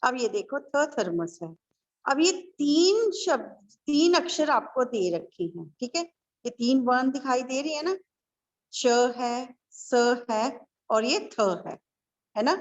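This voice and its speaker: A woman's voice: a little high, lively intonation, slow. A woman kindergarten teacher with a North Indian Hindi accent, giving an online lesson in a patient, sing-song way to small children.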